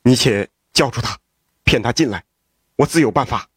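A man voicing a ruthless, scheming male villain who gives low, curt, menacing orders. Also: lively intonation, moderate pace, breathy edge, no echo, studio quality.

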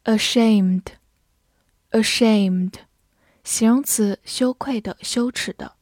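A woman English teacher takes students through a vocabulary lesson. She talks slowly and draws out each word as she repeats it. Her slightly high voice is recorded close and dry. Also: a little mellow, no echo. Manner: slow, drawn-out word repetition.

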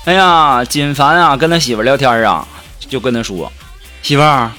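A man telling short comic stories as a joke monologue, drawn out and dramatic. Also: medium pitch. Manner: animated, drawn-out storytelling with dramatic pauses. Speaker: comic storyteller. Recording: music playing behind the voice.

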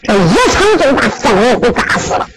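A woman with a Henan accent performing traditional zhuizi storytelling in an animated, rhythmic, exclaiming manner. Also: fairly high pitch, normal speed, very noisy.

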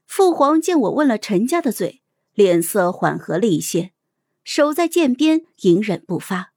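A woman hosting and narrating an audiobook, telling the story in an animated, expressive way. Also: medium pitch, measured pace, breathy edge, no echo, studio quality.

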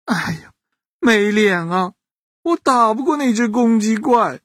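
A man's voice: high-pitched, expressive, a little slow, fairly bright tone, dry recording, clean studio sound, pitched above the performer's own voice, exaggerated voice. Sun Wukong, a wailing monkey king, as a man puts him on. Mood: ashamed. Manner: wailing, then sly and coaxing. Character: boastful male monkey king, weepy and sheepish.

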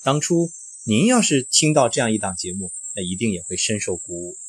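Low husky male interview host. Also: sing-song, fairly quick, no echo. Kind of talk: hosted interview.

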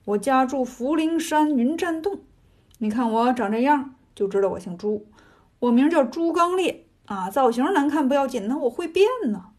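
A woman's voice: high-pitched, lively intonation, moderate pace, darkish tone. A woman voicing a fumbling pig monster. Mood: grumbling. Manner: wheedling, folksy boasting. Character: clumsy male pig monster, boastful then timid.

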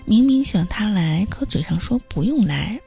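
A woman's voice: medium pitch, lively intonation, normal speed, gravelly, dark tone, slightly rough, soft background music. A woman reading a first-person story aloud as a podcast host, with a wry, self-mocking manner.

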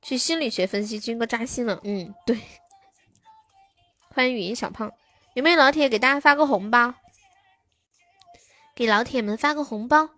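A woman's voice: a little high, normal speed, pauses often, pushed and bright, soft background music. A young woman hosting a live stream, chatting casually with her viewers and answering their comments.

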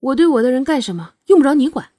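A woman's voice: sits high, big pitch swings, a little fast, dark tone, slightly rough, full character voice. A woman voicing a proud young noblewoman who talks in a teasing, needling way in an audiobook. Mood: cold. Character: young noblewoman, sly, proud and sharp-tongued.

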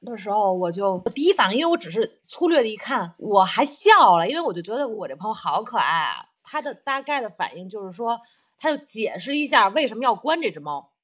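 Woman, mid-pitch, slightly raspy; reflective, earnest storyteller in casual conversation. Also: big pitch swings, fairly quick. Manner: earnest, self-reflective, explains at length.

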